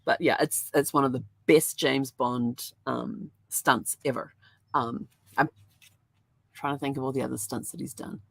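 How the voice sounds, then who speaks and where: Woman host, deep with some vocal fry, rambling casual storyteller. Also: fairly even intonation, a little slow, no echo. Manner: rambling, chatty storytelling with many fillers. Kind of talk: casual chat.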